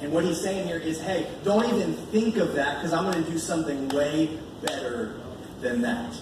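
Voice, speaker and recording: An American man with a voice on the high side preaches an informal, conversational sermon at a moderate pace. He reads and explains scripture earnestly, repeating key phrases for emphasis. The large indoor church space echoes, the mic is distant, and there's background noise.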